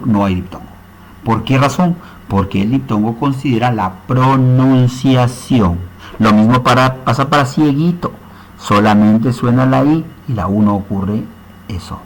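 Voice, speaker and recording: A man's voice: mid-range voice, low-quality recording. A man teaching a recorded grammar lesson, explaining step by step and often checking in with short tag questions.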